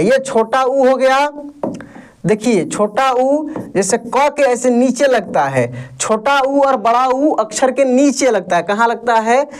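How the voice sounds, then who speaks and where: A teacher, giving a beginner lesson, who asks the class questions and answers them, and drills letter sounds over and over. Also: high-pitched. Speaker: Hindi reading teacher.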